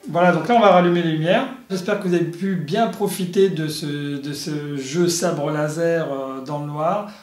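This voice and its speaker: Higher-voiced man giving a hands-on demo. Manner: halting, explanatory, punctuated with little sound effects. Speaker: toy reviewer and presenter. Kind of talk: casual hands-on product demonstration. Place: indoor room. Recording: echoey room, faint music behind.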